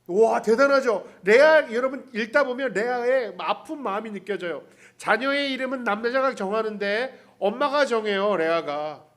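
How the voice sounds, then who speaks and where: A pastor's sermon delivered by a man with a high, very animated voice that swings widely in pitch. He tells the story playfully, voices the characters' lines himself, and keeps turning to the congregation. He is speaking inside a church. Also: moderate pace. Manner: humorous, addressing the congregation directly. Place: church sanctuary.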